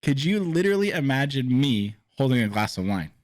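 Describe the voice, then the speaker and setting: A man co-hosting a casual podcast, animated, laughing often and restarting his sentences. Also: medium pitch, a little fast. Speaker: podcast co-host. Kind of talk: casual chat.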